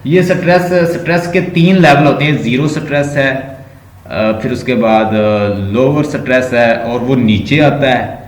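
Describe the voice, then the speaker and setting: A man with a Pakistani Urdu accent lectures an online class. His voice sits at a middle pitch, and the room gives it a hollow echo. He drags words out slowly and says them again and again so the students can count their sounds. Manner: explains by stretching and repeating words slowly. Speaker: teacher.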